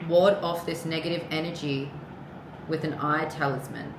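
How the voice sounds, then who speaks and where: A woman's voice: sits low, steady tone, normal speed. A woman giving a casual, rambling tarot reading with personal asides and the odd swear word. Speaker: tarot card reader. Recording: echoey room with clear background noise.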